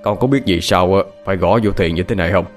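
Man doing a gentle poor fisherman father. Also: low-pitched, fast, soft background music. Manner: soft, reassuring, fatherly.

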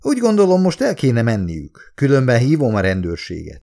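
A man's voice: medium pitch, huge pitch swings, vocal fry, mellow. A man reading an audiobook, voicing a firm, curt middle-aged woman working behind a food counter.

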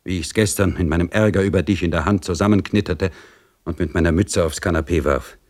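A blustering middle-aged police officer snaps out scolding orders in a brusque manner, as a man reading the story plays him. The voice rests on a deep base but is lifted and louder when he bristles. It comes from a spoken storybook. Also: a little fast, natural voice.

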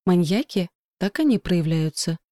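A woman's voice: lowish voice, animated, measured pace, mellow, dry recording, clean studio sound. A woman voicing an eager young male spirit trainee who speaks in an agitated, insistent way. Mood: anxious, urgent.

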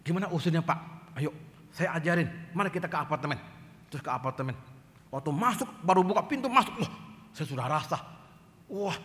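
Pastor, male, high bright voice, lively storytelling sermon, church hall echo. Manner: animated, acts out dialogue in quoted voices.

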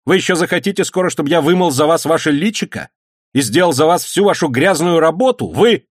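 A man voicing a sharp-tongued male ship's mate, stern and scolding. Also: on the high side, animated, a little fast, no echo, clean studio sound, voice pushed up.

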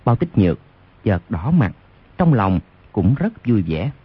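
A man with a low, slightly husky voice narrates a long martial arts tale. His reading rises and falls with lively expression. The sound is muffled and lo-fi, as from a radio broadcast. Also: unhurried. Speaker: audiobook narrator. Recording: lo-fi radio recording.

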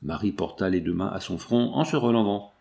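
Low, gravelly male audiobook narrator. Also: brisk, warm tone. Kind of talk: audiobook reading.

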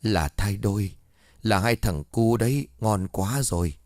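A man's voice: lowish voice, measured pace, darkish tone, no echo, studio quality, lightly acted. A man voicing hungry demons gloating over an unborn child in a horror story. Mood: greedy. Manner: gloating, greedy.

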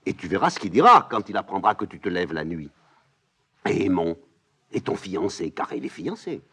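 A man reading a play aloud, voicing a fussy, scolding old nursemaid in a high raised voice. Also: very animated, moderate pace, a bit bright, husky, exaggerated voice. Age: older. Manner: shrill, scolding, exclamatory.

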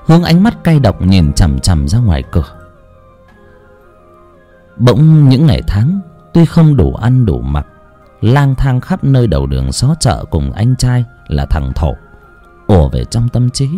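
A man narrating a dark folk story in a dramatic, animated way. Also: mid-range voice, unhurried, soft background music.

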